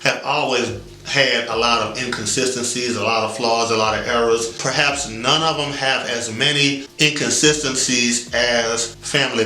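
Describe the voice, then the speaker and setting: A man's voice: medium pitch, sharp tone. A man giving casual commentary as a vlog host, talking in a loose, conversational, hedging way. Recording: roomy echo.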